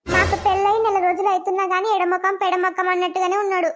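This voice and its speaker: Bride: young village wife voiced by a woman, very high thin voice, faint music under. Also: completely flat delivery, very fast, a bit bright. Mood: pleading.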